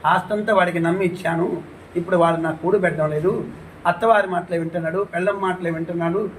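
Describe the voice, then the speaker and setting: A man's voice: high-pitched, fairly even intonation, fast, a little hiss or hum, close to an everyday voice. A man voicing a poor, grieving old mother in a told story, complaining plaintively.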